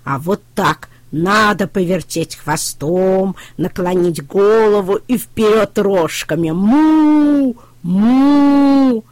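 A woman voicing a stubborn young bull calf in a storybook reading, slow and low with mooing. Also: no echo.

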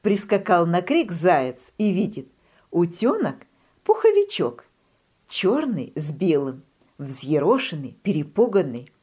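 A woman reading a children's animal story aloud, lively and expressive. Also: lowish voice, unhurried, husky.

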